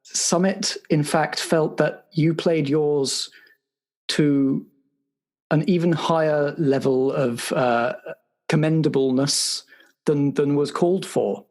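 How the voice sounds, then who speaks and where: For an improvised roleplay show, a man with a fairly high-pitched, slightly mellow voice plays an awkward, apologetic intelligence agency official. Speaking slowly with fairly even intonation, he stammers officiously through a debrief full of formal, halting praise.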